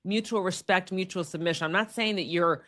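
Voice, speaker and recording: A young adult woman chatting casually on a podcast, lively and expressive, often acting out what she says to others and restarting her sentences. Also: on the low side, a little fast. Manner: animated, acts out quoted speech, frequent restarts. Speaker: podcast guest.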